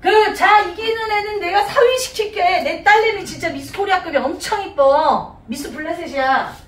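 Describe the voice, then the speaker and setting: A woman's voice: extremely high pitch, normal speed, fairly bright tone, distant mic. A woman playing a flustered king who bargains with his people, in a children's Bible story told in an echoey hall. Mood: bargaining. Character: fretting king promising his daughter.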